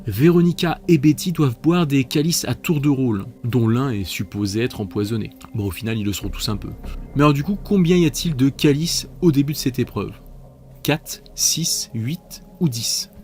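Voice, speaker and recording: A man's voice: medium pitch, fairly quick, dark tone, soft background music. Playful man hosting a quiz. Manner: playful, chatty asides between questions. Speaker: quiz host. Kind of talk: reading out multiple-choice quiz questions.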